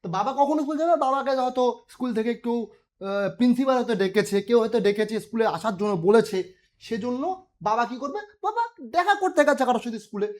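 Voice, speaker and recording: A woman's voice: fairly high pitch, lively intonation, a little fast, a little mellow. A woman teacher, giving an exam-prep grammar lesson in which she asks and answers her own questions and repeats key words. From West Bengal.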